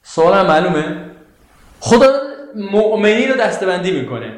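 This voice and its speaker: A man with a high voice teaches a class about Quranic verses, stopping often to ask his listeners questions. He recites the Arabic verses slowly. The room is full of echo. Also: big pitch swings. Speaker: religious teacher. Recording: very echoey room.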